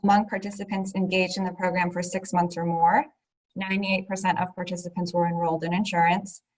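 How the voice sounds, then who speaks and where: Lower-voiced woman presenting a webinar. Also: little pitch movement, brisk, slight background noise, poor audio. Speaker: public health presenter. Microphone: laptop mic on video call.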